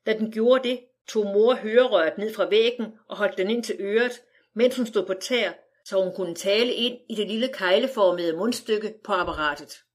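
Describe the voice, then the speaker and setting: A woman reading a first-person audiobook aloud in a wry, measured storytelling manner. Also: medium pitch. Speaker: audiobook narrator.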